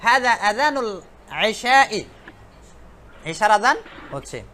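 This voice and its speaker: A man teaching an Arabic lesson online, who reads dialogue lines slowly, then translates and explains them and checks with his students. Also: very high-pitched, very animated, a loud crowd. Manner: addresses students directly and checks understanding.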